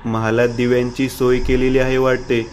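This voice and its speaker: A man voicing a calm young man in a horror story who reassures his friends and calls after a missing one. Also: mid-range voice, moderate pace, slight background noise, close to an everyday voice. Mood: calling out.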